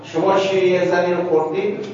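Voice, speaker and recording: A man's voice: high-pitched, little pitch movement, darkish tone, slight background noise. A male teacher giving a classroom lecture. He explains word meanings step by step, checks understanding with questions, and prompts the students to finish his sentences. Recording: echoey distant dull lo-fi classroom recording.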